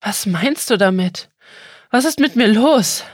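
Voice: mid-range voice, very animated, takes it slowly, a bit bright, no echo, clean studio sound, exaggerated voice. A storyteller voicing a frightened, lost young boy who asks panicked questions in a raised, strained voice. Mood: desperate.

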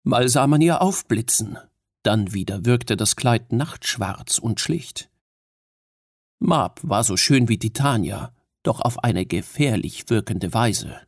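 A man narrating a fantasy story in a measured storytelling manner, raising his voice for the characters' lines. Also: on the low side, lively intonation, no echo, studio quality. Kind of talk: scripted audiobook narration.

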